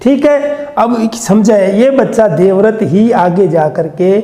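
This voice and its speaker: A man's voice: high voice, warm tone. Hindi teacher man in an echoey room. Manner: slow, syllable-by-syllable pronunciation drills; asks questions and repeats the answer. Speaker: school teacher. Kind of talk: explaining a lesson to pupils.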